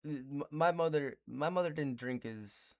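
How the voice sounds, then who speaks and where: A young man hosting a casual livestream podcast, talking in a joking, rambling way with quick laughs. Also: a little high. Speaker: podcast host.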